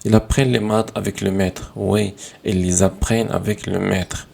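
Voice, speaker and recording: A man teaching a grammar lesson, going through exercises slowly and repeating sentences as he corrects them. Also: fairly low pitch, level tone, vocal fry, a little mellow, slightly rough.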